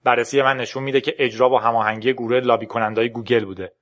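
A man reading a storybook's lines for a tense young woman programmer who urges a friend to flee, in an urgent, hurried manner. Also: mid-range voice, fairly even intonation, close to an everyday voice.

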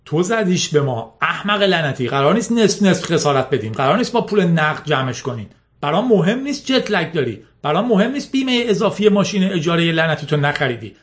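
A man voicing an angry middle-aged father who shouts at another driver after a car crash, in a storybook reading. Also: a little high, lively intonation, pitched above the performer's own voice. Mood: furious. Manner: commanding, furious.

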